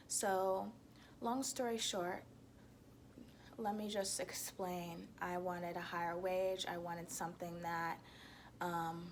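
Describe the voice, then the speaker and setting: Slow, deliberate woman, lowish voice. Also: slight background noise. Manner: deliberate, halting, with emphatic repetition. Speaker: vlogger speaking to viewers. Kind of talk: reflective spiritual self-help monologue.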